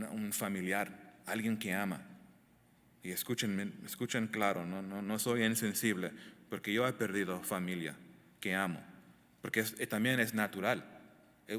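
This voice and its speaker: A man's voice: on the low side, a bit bright. A male pastor teaching a verse-by-verse Bible sermon, emphatic and asking the congregation direct questions. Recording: echoey hall, long reverb.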